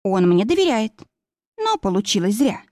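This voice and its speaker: A woman reading an audiobook, voicing a young heroine who is emotional and pleading, her voice pitched higher and tense. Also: very animated, normal speed, darkish tone, dry recording, clean studio sound, lightly acted. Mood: upset. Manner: high, agitated and pleading.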